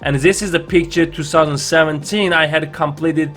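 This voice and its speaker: A man from China with a non-native English accent, narrating a personal vlog in an earnest, deliberate way. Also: fairly high pitch, steady tone, fairly bright tone. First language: not English. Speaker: vlogger. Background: background music.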